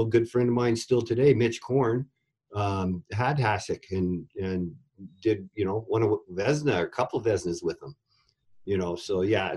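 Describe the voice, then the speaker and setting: This fairly low, slightly mellow male voice has a breathy edge. He's a middle-aged man who once coached goalies, and he rambles through stories in a relaxed interview. Restarting sentences, he tends to repeat words.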